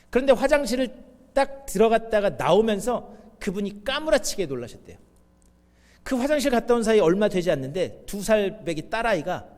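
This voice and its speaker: A man with a high voice preaches to his congregation, turning his sermon into a story and acting out the lines he quotes. His voice rings with the long reverb of a church hall. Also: darkish tone. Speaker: pastor. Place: church sanctuary.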